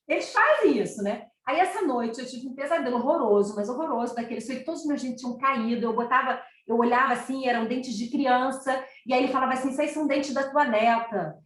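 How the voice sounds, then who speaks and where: Woman, Carioca accent, middle-aged, storytelling spiritual talk, echoey room. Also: high-pitched. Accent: Carioca Portuguese. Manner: conversational, storytelling with anecdotes. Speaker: spiritual speaker. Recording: roomy sound, distant mic.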